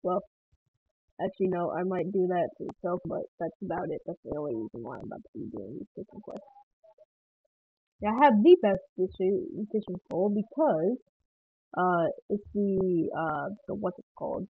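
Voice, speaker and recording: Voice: mid-range voice, expressive, moderate pace, slightly rough, no room sound. A speaker giving casual gameplay commentary for a guide, rambling and hesitant, often laughing and trailing off. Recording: tinny phone-like dry sound.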